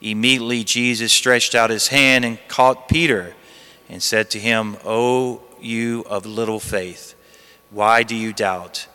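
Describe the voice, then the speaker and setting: A man's voice: on the low side, fairly even intonation, unhurried, sharp tone, clean tone. A priest reading the gospel and preaching emphatically, with repeated phrases, his voice ringing in a large church's cathedral echo. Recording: long echoing church reverb.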